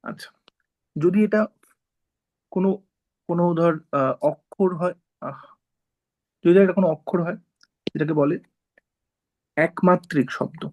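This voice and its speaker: A man's voice: a little high, measured pace, long pauses, a little mellow, lo-fi sound. A male teacher giving an informal classroom lecture, explaining step by step and often checking that students follow.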